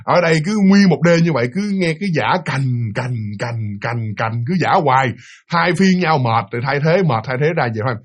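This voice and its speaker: A man with a Southern Vietnamese accent tells a spooky tale, speaking quickly and animatedly. His voice is husky and swings widely in pitch. He repeats words for effect and keeps addressing his listeners directly. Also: animated. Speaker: storyteller. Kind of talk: spooky storytelling to an audience.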